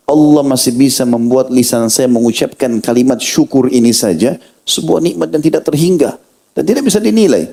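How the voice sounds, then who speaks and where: A man preaching a sermon in Indonesian, telling a story and acting out the people in it with rising, animated delivery. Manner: animated, voices quoted characters with rising pitch.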